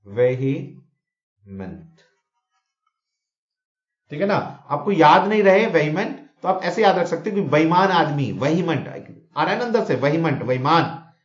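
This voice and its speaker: A man teaching vocabulary in a mix of Hindi and English, repeating words and checking in with students. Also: on the high side. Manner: explains with mnemonics, repeats words, frequent "theek hai na?" checks. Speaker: exam coaching teacher. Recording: echoey room, dull lo-fi sound.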